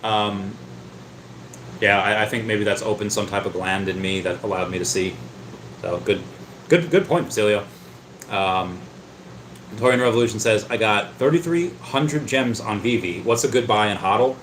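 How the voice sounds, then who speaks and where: At a moderate pace, a man with a fairly low yet fairly bright voice hosts a casual stream, talkatively reading chat and rambling while stammering and repeating himself. There's a little hiss or hum and a roomy echo.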